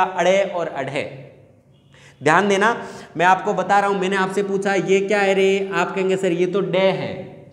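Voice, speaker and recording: Male teacher, high voice, quizzes himself and answers, reverberant room. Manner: asks questions and answers them himself. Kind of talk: classroom lecture. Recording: echoey room with long reverb.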